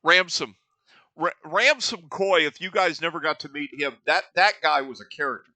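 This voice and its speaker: Chatty man with a very bright voice. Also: a little high, normal speed, no room sound. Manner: easygoing, teasing, chatty. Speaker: podcast host. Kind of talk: casual podcast chat.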